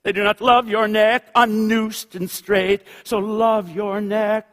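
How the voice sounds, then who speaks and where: A man's voice: high voice, level tone, slow pace, fairly bright tone, long reverb tail, pitched above the performer's own voice. A man voicing an elderly woman preacher who exhorts her listeners in a fervent, half-sung preaching cadence.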